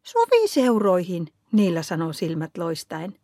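A woman reads a children's story aloud in a calm, clear manner. Her voice is fairly low, and the recording is dry and close. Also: no echo. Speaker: storybook reader.

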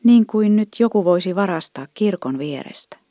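A woman reading a children's story aloud in a gentle, even storytelling manner. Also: lowish voice, dry recording, studio quality. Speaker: narrator.

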